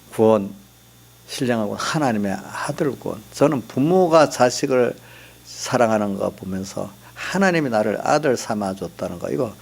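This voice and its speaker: A man's voice: fairly low pitch, gravelly, breathy edge. A middle-aged male pastor preaching a sermon in church, talking in a conversational way and often asking the congregation for replies.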